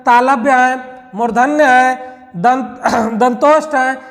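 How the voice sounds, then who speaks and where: A man's voice: very high voice, steady tone, a bit bright, big-room sound. A male teacher going through exam questions, sounding out letters one at a time and asking the class rhetorical questions. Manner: slow, drawn-out letter-by-letter drilling with rhetorical questions. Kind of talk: exam-prep lesson.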